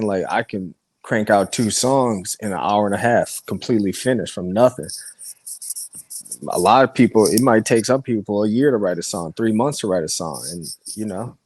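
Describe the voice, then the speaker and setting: A man's voice: on the low side, a little mellow, dry recording. A man, a musician guest on a podcast, talking in a laid-back, candid way. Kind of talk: casual interview chat.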